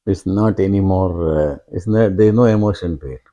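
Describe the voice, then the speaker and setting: An older man, speaking slowly and reflectively as an interview guest, pausing often and restarting his sentences. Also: low voice, mellow. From India. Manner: halting and reflective, many fillers and restarts. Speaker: guest, father of host. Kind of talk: conversational interview.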